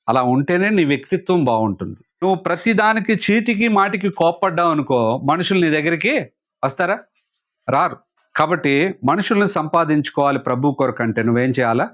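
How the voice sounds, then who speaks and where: A man's voice: fairly high pitch, fairly bright tone. Telugu preacher asking questions to his flock. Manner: asks the congregation questions and answers them himself. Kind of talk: sermon. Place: prayer hall.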